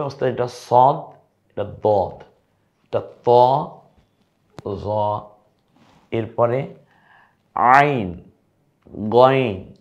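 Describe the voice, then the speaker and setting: A man's voice: mid-range voice, dull audio. A man teaching viewers to read Arabic letters, coaxing them to repeat each letter name after him. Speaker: Quran teacher.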